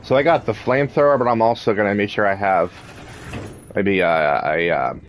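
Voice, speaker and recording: A man's voice: on the low side, normal speed, a little hiss or hum. A man giving casual video game commentary, thinking aloud in a hesitant way. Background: game music and sound.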